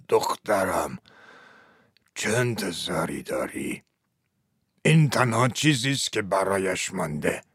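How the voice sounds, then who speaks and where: A man playing a sorrowful, philosophical old chief who speaks slowly and in a fatherly way, in a dramatized story. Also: lowish voice, fairly bright tone, dry recording, studio quality.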